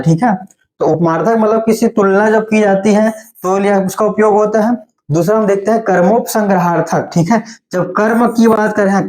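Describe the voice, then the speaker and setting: Man, online teacher, grammar lesson, step-by-step explaining, frequent check-ins, slows to list terms. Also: high-pitched, a little mellow.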